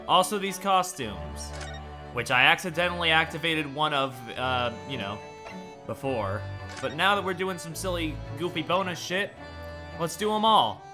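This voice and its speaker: A man chatting casually while streaming a game, relaxed and rambling, with game music behind. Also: a little high. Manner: relaxed, rambling, lots of fillers. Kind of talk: casual let's-play chat and reading the game aloud.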